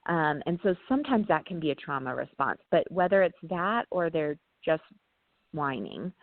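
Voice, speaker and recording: A woman guest speaking as a parenting trainer, explaining casually, often pausing on "um" and checking in with "right?". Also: sits low, very animated, dry recording. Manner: talks through ideas with frequent "um" and tag "right?". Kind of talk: casual explanatory interview talk. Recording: tinny phone-like line, dry.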